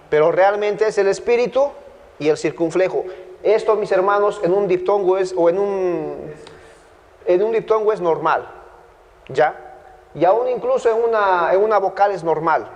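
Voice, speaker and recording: A man's voice: high-pitched, a little mellow, big-room sound. A man with a Bolivian Spanish accent teaching a biblical Greek grammar class, patiently repeating points and checking that students follow.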